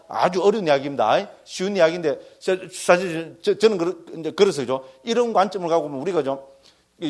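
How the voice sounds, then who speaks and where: A Korean Buddhist monk giving a dharma lecture, folksy and joking, constantly checking in with his listeners. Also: high-pitched.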